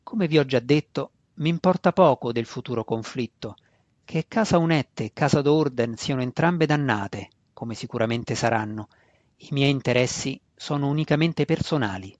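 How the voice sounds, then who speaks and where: A man reading the part of a calm young male dark elf warrior, cool and quietly menacing, in an audiobook. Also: medium pitch, normal speed, dry recording, lo-fi sound, close to an everyday voice.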